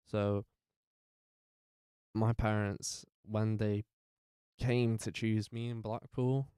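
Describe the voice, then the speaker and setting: A tired young man, telling his life story to camera in a halting way, full of fillers and restarts. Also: on the low side, mellow, clean tone, no echo, studio quality. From North West England. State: tired, up very early. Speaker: vlogger.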